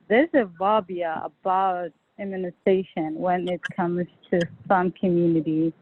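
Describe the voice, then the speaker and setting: A woman who works at a nonprofit, speaking casually and conversationally on a video call, with um fillers. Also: mid-range voice. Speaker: nonprofit worker. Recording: phone-like, faintly noisy line.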